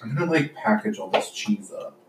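A young man hosts a relaxed podcast, chatting over food. His talk is loose and filled with fillers and quick laughs. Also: on the low side, heavy background noise. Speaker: podcast host. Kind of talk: casual chat while eating.

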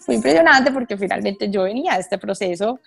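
A woman, a wellness therapist and mother, telling her personal story as a guest. She speaks earnestly, with many fillers and slowed pauses. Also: mid-range voice, expressive, gravelly, faint music behind.

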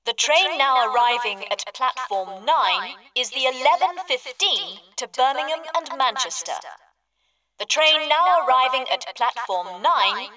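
A woman reading a scripted train station announcement in a measured way, repeating it for a listening exercise. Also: sits high, expressive, sharp tone, far from the mic.

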